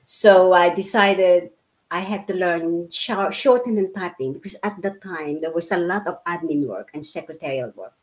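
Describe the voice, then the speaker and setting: A native Tagalog speaker in her fifties from the Philippines speaks at a moderate pace in a fairly low voice. She recounts her life casually for an interview, chatting with many fillers and restarts.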